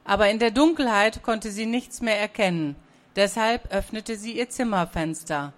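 A woman narrating a children's story in a calm, even, scripted reading. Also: medium pitch, normal speed.

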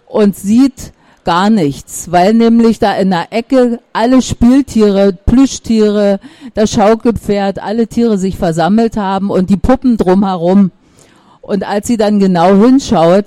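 A woman reads a children's story aloud in a calm, unhurried storytelling manner. Her voice is mellow and dark, and the recording is close and dry. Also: medium pitch, dry recording.

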